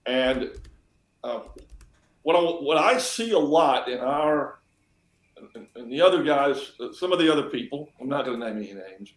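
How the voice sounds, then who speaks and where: A man's voice: medium pitch, animated, moderate pace. A man, an editorial cartoonist, talking earnestly and with emphasis in a casual chat. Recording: roomy echo.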